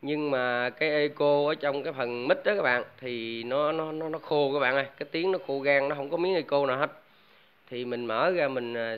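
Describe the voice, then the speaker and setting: A man's voice: mid-range voice, clean tone. A man chatting casually to viewers about his home speaker build, rambling with many fillers and restarts. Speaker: DIY audio vlogger. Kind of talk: casual chat to camera. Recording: dull lo-fi home recording.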